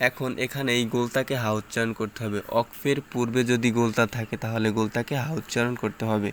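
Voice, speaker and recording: A man's voice: medium pitch, level tone, fast, slight background noise. A man teaching Quran reading. He spells out the letters and vowel marks one by one, then chants the joined syllables. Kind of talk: slow letter-by-letter recitation drill.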